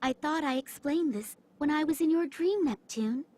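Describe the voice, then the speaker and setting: A woman's voice: high-pitched, moderate pace, mellow, close to an everyday voice. A woman voicing a polite, formal fairy guide with a heavenly goddess voice in a video game. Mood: polite, calm. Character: small female tome fairy, goddess-like, formal, calm. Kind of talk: scripted game voice acting.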